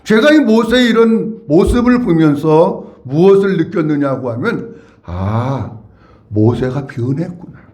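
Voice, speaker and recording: A male pastor preaches in a church, his voice pitched high for a man and swinging widely up and down. He tells the story expressively and has the congregation repeat key phrases back to him. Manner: leads the congregation in call-and-response repetitions; expressive storytelling, acting out quotes. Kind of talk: sermon. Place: church sanctuary.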